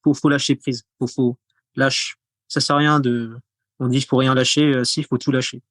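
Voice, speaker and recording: A male content creator appears as a podcast guest in a casual conversational interview, rambling with lots of fillers and repeated words. His medium-pitched, slightly bright voice is flat and moderately paced. The recording is dry and of studio quality.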